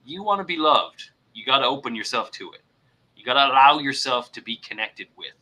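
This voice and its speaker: An earnest man co-hosting a casual talk about mental health. His voice is very bright and forward, and he often repeats words as he gathers his thoughts. Now and then he acts out examples in a put-on voice. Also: medium pitch, animated, brisk, poor audio. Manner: puts on voices to act out examples. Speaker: podcast co-host.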